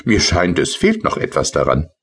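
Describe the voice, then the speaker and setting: A man voicing a tiny, cheerful male rain sprite in a children's audiobook, with a bright, gently teasing lilt. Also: sits low, huge pitch swings, moderate pace, gravelly, breathy edge, pitched above the performer's own voice, exaggerated voice.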